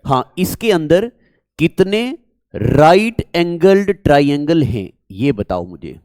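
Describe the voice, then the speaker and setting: A man's voice: on the high side, big pitch swings, takes it slowly, darkish tone, no echo. A man from Jammu and Kashmir with a Kashmiri accent, teaching a maths lesson and repeatedly quizzing his viewers. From Jammu and Kashmir, India. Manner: repetitive, coaxing, quizzes the viewers. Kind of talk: classroom math lecture.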